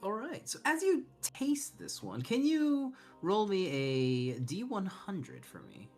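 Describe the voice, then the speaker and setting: American guy dm-ing a stream game, laughs a lot, uh's and likes, soft music behind. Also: high voice, big pitch swings, gravelly. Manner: laughs often, drawn-out narration with fillers. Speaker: dungeon master. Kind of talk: narrating a tabletop game on stream.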